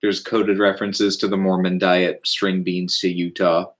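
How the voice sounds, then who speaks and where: A man co-hosting a podcast, talking about music in a relaxed, thoughtful way. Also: low-pitched, moderate pace. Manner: relaxed, thoughtful, with frequent fillers. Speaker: podcast co-host. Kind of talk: casual conversation about music.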